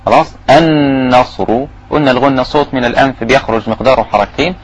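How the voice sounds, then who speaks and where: A man with an Egyptian accent teaching Quran recitation, giving quick explanations broken by slow, drawn-out recited phrases. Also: mid-range voice, breathy edge, lo-fi sound. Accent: Egyptian Arabic. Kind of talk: recitation lesson.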